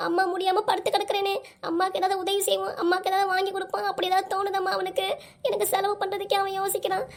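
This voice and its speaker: A woman's voice: very high-pitched, steady tone, racing, creaky, sharp tone, heavily acted. A woman voicing a tearful, self-pitying middle-aged mother in a cartoon comedy, with a southern Tamil Nadu accent. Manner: tearful, plaintive.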